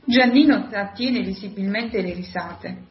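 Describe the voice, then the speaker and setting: A woman narrating the stage directions of a radio drama in an even, steady reading. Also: mid-range voice, measured pace. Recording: roomy, slightly dull radio recording, faint music.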